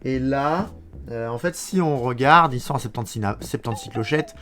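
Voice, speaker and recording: A man's voice: mid-range voice, moderate pace, fairly bright tone. Belgian french guy streaming, chats with chat while he plays, faint music behind. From Belgium, Wallonia. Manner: chatty, answers viewers, thinks aloud. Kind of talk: live game commentary.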